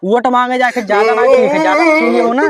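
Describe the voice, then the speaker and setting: A man playing a drunken, blustering village headman in a comedy skit, with an eastern Uttar Pradesh accent and loud, drawn-out speech. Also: high voice, animated. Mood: boisterous. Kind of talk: rustic comedy skit acting. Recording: noisy amateur outdoor recording with clicks.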